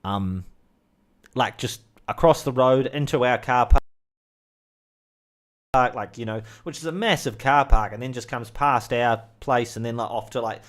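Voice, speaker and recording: A young vlogger with a New Zealand accent rambles through a casual monologue, chatty and packed with fillers and asides. His voice sits at a medium pitch with a slightly bright tone.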